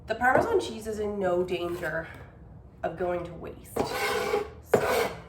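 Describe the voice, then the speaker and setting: A woman's voice: lowish voice, lively intonation, takes it slowly, roomy sound, distant mic, very noisy. A young woman chatting casually as she preps meals in her home kitchen, a little out of breath and self-deprecating. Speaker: cooking vlogger. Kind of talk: casual meal-prep vlog.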